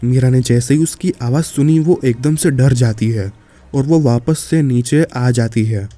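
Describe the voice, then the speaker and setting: A man's voice: medium pitch, a little slow, warm tone. A man narrating a horror story in a casual way, speaking directly to the listener.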